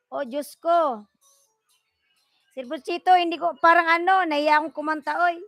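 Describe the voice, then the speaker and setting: Brief: high-voiced woman streamer, slightly hoarse, giggly and self-conscious, dry close sound with faint music behind. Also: steady tone, slow pace, long pauses, fairly bright tone, no echo. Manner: giggly, self-conscious, greets viewers by name. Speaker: vlogger on a live stream. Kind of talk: casual live-stream chat with sung lines.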